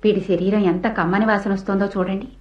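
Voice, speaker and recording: A woman's voice: medium pitch, fairly even intonation, a little fast, lightly acted. An actress playing an affectionate wife who longs to keep a lost little boy, in a radio play. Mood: pleading. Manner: soft, affectionate, pleading. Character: tender childless wife, fond of the lost boy. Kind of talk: radio drama acting. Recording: dull lo-fi radio drama recording.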